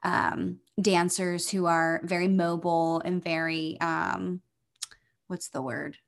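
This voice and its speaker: Chatty woman in her 30s cohosting a podcast, kinda low voice, laughs a lot. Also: steady tone, slow, creaky. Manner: chatty, laughs often, trails off with fillers. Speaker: podcast co-host. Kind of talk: casual chat.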